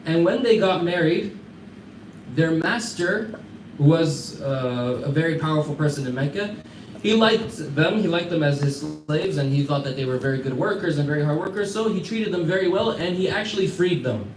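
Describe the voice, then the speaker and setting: American man, fairly high voice, classroom storyteller, roomy echo, mic a way off, faint hum behind. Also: animated, moderate pace. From United States. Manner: conversational, quizzes listeners, chuckles through anecdotes. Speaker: teacher. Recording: echoey room, mic far off, faint background hum.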